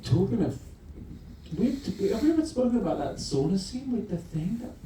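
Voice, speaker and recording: A young man with a mellow voice tells loose, joking stories on a panel. He pads his sentences with easy fillers. The sound is roomy and picked up from a distance. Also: high-pitched, brisk, a little hiss or hum. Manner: relaxed, rambling with fillers, joking. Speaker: actor guest. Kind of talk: casual panel conversation. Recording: echoey venue, mic at a distance.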